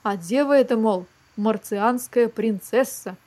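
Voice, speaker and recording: A woman reading a fairy tale aloud for children, lively and expressive, speaking straight to the young listeners. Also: a little high, a little slow. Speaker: storyteller.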